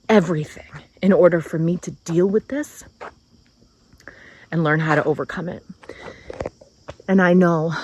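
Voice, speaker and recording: A woman in her forties crying as she talks earnestly in a personal vlog, her words halting and heartfelt. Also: fairly low pitch, darkish tone, poor audio. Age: 40s. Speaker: vlogger.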